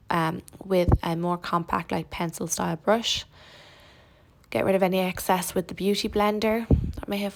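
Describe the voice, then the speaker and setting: A young woman narrating a makeup tutorial in a chatty, relaxed way, with self-deprecating asides. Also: mid-range voice, gravelly.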